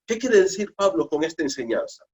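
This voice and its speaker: A man's voice: fairly high pitch, big pitch swings, brisk, a little mellow. A man preaching a Bible study sermon, emphatic, repeating phrases and asking rhetorical questions. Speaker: pastor.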